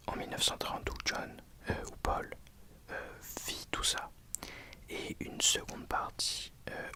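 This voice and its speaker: A person giving an ASMR book review in a soft, breathy library whisper, hesitant and often self-correcting. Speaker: book reviewer addressing viewers.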